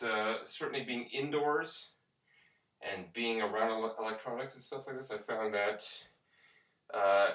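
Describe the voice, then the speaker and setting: A man's voice: fairly low pitch, a bit bright. A man working as a fitness instructor, explaining exercises step by step as he leads a workout. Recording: echoey room, distant microphone.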